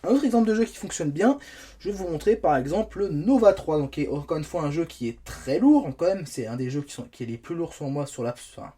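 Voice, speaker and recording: A man's voice: fairly high pitch, lively intonation, fast, mellow, slightly rough. Chatty French tech reviewer, a man. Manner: chatty, self-mocking asides. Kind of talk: casual game-testing commentary. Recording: faint background noise.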